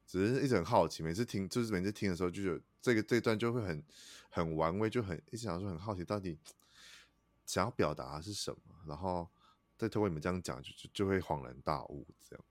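A man's voice: low voice, fast, no echo. A man hosting a casual chat interview, hesitant and repeating words, often laughing. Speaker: podcast host.

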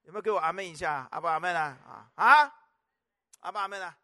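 A man's voice: high voice, fast, pushed and bright. A male pastor preaching a sermon, emphatic and repetitive, firing rhetorical questions at his congregation. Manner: repeats phrases for emphasis.

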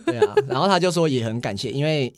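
A man talking candidly as a podcast guest, earnest and quick to repeat agreement. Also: medium pitch, expressive, no echo. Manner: earnest, repeats "对对对" often. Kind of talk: candid personal conversation.

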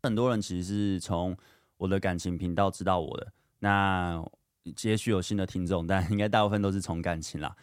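A man's voice: low voice, a little fast, smooth, no echo, studio quality. A young man, hosting a podcast and telling personal stories in a chatty, candid way full of fillers. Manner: chatty and candid, lots of fillers, animated when retelling. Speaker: podcast host. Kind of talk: casual storytelling monologue.

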